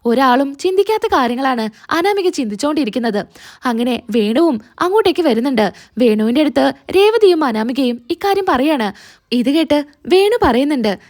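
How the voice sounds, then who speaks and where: Her voice sits high with a darkish tone and is very animated as she retells a serial's episode. She moves through the recap quickly, voicing quotes along the way.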